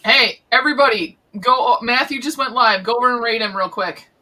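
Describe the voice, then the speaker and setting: A woman's voice: a little high, brisk, bright, forceful tone, rough recording. A woman hosting a casual live stream, chatting and laughing often with guests. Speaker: host.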